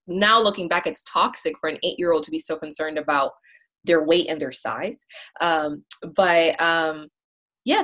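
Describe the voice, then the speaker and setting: A woman's voice: low-pitched, fairly bright tone. Upbeat young woman guest on a podcast. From Venezuela, raised in the United States. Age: 20s. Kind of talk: casual interview talk.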